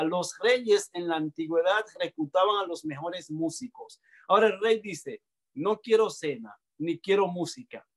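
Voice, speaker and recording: A man preaching a sermon and reading scripture aloud, with slow delivery and dramatic pauses that swing between loud and soft. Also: high voice.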